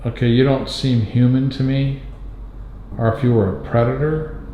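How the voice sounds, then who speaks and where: A man's voice: mid-range voice, steady tone, moderate pace, a little hiss or hum. A man investigating the paranormal, firmly questioning a spirit aloud inside an abandoned hospital. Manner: firm, probing questions. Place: abandoned hospital floor, indoors. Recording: roomy, dull-sounding hall recording.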